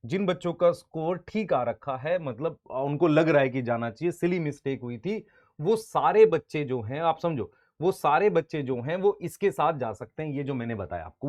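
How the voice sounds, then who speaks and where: A man's voice: fairly high pitch, darkish tone. A man in his thirties, a coaching teacher from India, giving earnest advice straight to camera. He calls his students "beta" and acts out their replies. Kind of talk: direct-to-camera advice talk.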